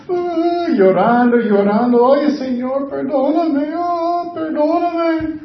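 Impassioned preacher man, high lively voice. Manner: impassioned, preaching loudly with sudden rises and drops. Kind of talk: sermon. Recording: roomy, slightly dull sound.

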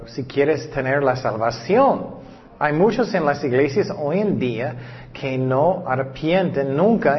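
A man preaching a sermon, reading scripture slowly and deliberately, with hesitant pauses and frequent fillers. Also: fairly high pitch. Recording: dull recording with long reverb.

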